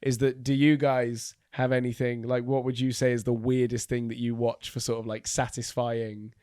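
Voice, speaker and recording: A young man co-hosts a podcast in easy conversation, dropping wry asides as he goes. His voice is mid-pitched. The recording is dry and close. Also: flat delivery, normal speed, a little mellow, dry recording. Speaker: podcast co-host. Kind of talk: casual chat.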